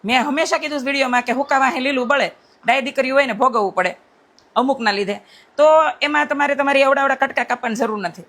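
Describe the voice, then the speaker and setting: A middle-aged woman addresses her critics directly in a blunt, forceful monologue. Her voice sits high, and her words tumble out quickly. She often presses her point home by asking "right?". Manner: repeats rhetorical "right?" checks. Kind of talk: impassioned direct-to-camera monologue.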